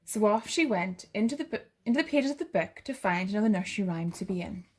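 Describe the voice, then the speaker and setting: A woman narrating a bedtime story for children in a gentle sleep-story manner. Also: medium pitch, animated, quick pace. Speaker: bedtime story reader for a primary school.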